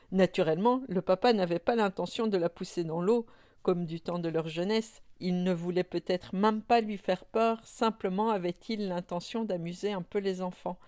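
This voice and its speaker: A woman's voice: on the low side, warm tone, no room sound, clean studio sound. Woman reading a children's story aloud. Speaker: storybook reader.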